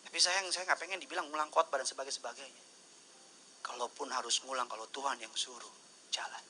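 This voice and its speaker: A middle-aged man from Indonesia preaching a sermon as pastor, swinging from loud, high-pitched calls to hushed, near-whispered words and slipping English phrases in. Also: steady tone, fast, slight background noise, rough recording.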